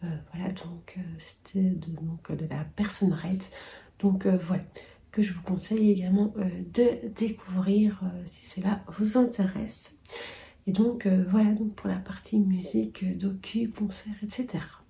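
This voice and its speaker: Middle-aged woman vlogger, casual and halting, very dark tone, gravelly. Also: medium pitch, fairly even intonation, a little hiss or hum. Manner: hesitant, many fillers, drifting into whispers. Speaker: booktuber sharing yearly favourites. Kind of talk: casual talk to camera.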